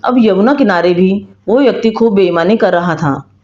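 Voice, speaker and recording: A woman's voice: medium pitch, normal speed, warm tone. Woman narrating folk tales in a roomy room. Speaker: storyteller. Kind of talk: scripted storybook narration. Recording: roomy, slightly dull recording.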